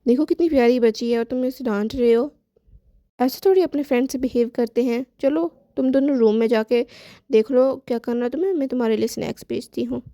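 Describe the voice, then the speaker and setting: A woman's voice: on the high side, brisk, warm tone, dry recording, studio quality, lightly acted. A woman voicing a middle-aged mother who scolds her son fondly. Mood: motherly. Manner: scolding yet fond.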